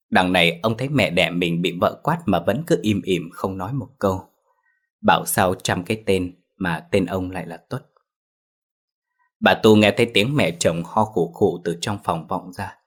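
A man reading a ghost story aloud in steady, dramatic narration. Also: low-pitched.

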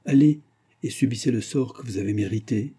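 A man's voice: mid-range voice, a little fast, dark tone, husky, close to an everyday voice. A man voicing a rich, contemptuous gambler who harshly refuses a ruined old man, raising his voice. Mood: angry. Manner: contemptuous, angry. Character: scornful rich male bank-holding gambler, harsh and proud.

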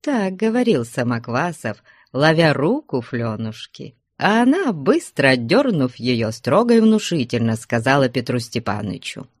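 A woman reading a literary novel aloud in a low voice with wide, lively swings of pitch. The recording is close and dry, with no room around it. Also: measured pace, hardly any pauses, breathy edge, dry recording. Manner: expressive, storytelling. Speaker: audiobook narrator. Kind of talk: literary audiobook narration.

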